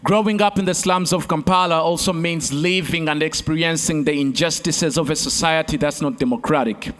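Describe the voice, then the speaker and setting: Male keynote speaker, slightly high voice, oratorical repetition, stage mic in a big echoing hall. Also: normal speed, fairly bright tone. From Uganda. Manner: repetitive oratory, addresses crowd as friends. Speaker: keynote speaker and competition host. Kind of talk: rhetorical keynote speech. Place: large conference hall stage. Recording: long reverb of a large hall.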